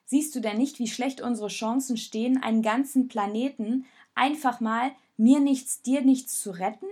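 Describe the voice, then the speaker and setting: A woman voicing an anxious, defensive young boy in a storybook reading, raised and agitated, with a breathy voice. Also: a little high, steady tone, moderate pace, warm tone, voice pushed up. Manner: agitated, protesting.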